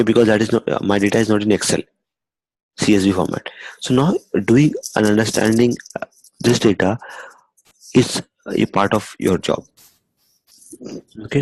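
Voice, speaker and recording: A man's voice: on the low side, gravelly, darkish tone, husky, no echo, rough recording. A young man teaching a screen-recorded coding lesson, talking conversationally, adding "okay" often and restarting phrases. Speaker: instructor.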